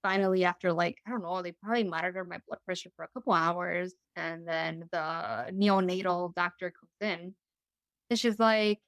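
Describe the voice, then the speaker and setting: A woman's voice: on the low side, steady tone, normal speed, clear, resonant tone, no echo. A young woman telling her story as a guest, casual and chatty, full of "you know" and "like", acting out what others said. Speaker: interview guest.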